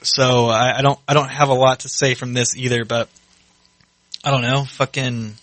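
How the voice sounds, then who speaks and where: A man's voice: mid-range voice, flat delivery, normal speed, fairly bright tone, no room sound. A man co-hosting a podcast in casual chat, hesitant and full of fillers, swearing often. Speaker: podcast co-host.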